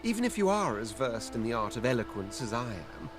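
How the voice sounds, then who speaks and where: A man performs a grandiloquent lizard prince for a video game. He is haughty and condescending, with theatrical phrasing and a lively, swooping delivery over game music. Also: medium pitch, a little fast, lightly acted. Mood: lofty, bargaining. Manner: pompous, theatrical, flowery phrasing. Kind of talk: video game character acting.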